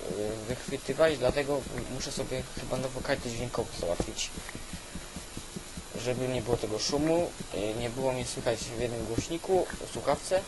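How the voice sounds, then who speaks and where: A man giving casual, halting gameplay commentary, thinking aloud as host on an old weak microphone. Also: mid-range voice. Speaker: gaming video host. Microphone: old cheap weak microphone. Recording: constant hiss from weak microphone.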